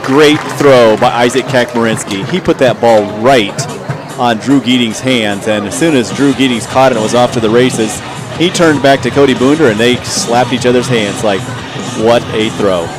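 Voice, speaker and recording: A man giving conversational, measured football analysis as a color commentator on a radio broadcast. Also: medium pitch, over music. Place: stadium broadcast booth. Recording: crowd and faint outdoor noise behind.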